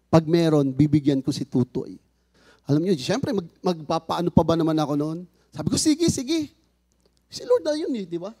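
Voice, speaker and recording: A man with a high yet mellow voice tells a faith testimony about his family, earnest and heartfelt. He acts out the lines of the people he quotes. The sound is close and dry. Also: expressive, a little fast, slightly rough, no echo. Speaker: father sharing a personal testimony.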